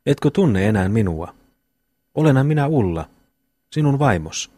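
A man's voice: mid-range voice, big pitch swings, dark tone, dry recording. A man reading as a pleading farm wife. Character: anxious farm wife searching for husband.

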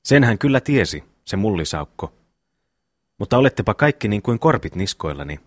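A man reading the part of a hot-tempered eldest brother in an audiobook, blustering and boastful in his own low voice. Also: very animated, no echo, studio quality.

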